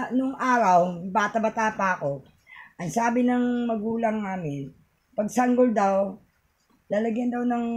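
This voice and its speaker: Chatty Filipino woman vlogger. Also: medium pitch. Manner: chatty, rambling, laughs often. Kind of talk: casual home-remedy vlog.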